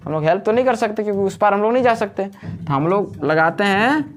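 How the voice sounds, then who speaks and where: A man's voice: sits high, lively intonation, a little fast. A man with a Jharkhand Hindi accent teaching a class in a coaching classroom, chatty and joking, often quizzing his students. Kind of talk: classroom lecture.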